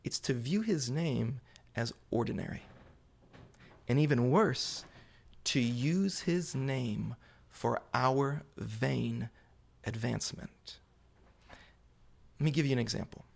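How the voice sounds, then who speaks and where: A man preaching a sermon to a congregation, explaining scripture in deliberate, emphatic phrases with pauses, repetition and rhetorical questions. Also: mid-range voice, creaky, breathy edge. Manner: rhetorical questions put to listeners. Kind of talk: sermon, Bible exposition to a congregation.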